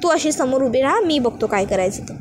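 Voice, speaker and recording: A woman's voice: sits high, expressive, a little fast, noisy background. A woman voicing a young husband who teases his wife and scolds her mildly, in her own storytelling voice. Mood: teasing. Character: young husband, teasing yet gentle.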